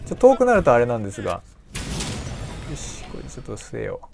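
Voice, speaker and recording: A man giving live gameplay commentary in an animated way, laughing and shouting at the game. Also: mid-range voice, quick pace, vocal fry, a little hiss or hum.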